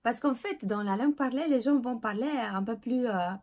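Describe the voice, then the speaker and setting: A woman's voice: on the high side, moderate pace, darkish tone. A woman teacher giving a casual video lesson, hesitant with fillers and checking in with "ok?" after nearly every phrase. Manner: hesitant, with many filler sounds. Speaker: English teacher.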